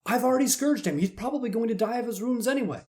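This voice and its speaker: A man's voice: very high voice, fast, darkish tone, voice pushed up. A man voicing a panicked Roman governor who pleads frantically in a raised voice. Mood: frantic pleading.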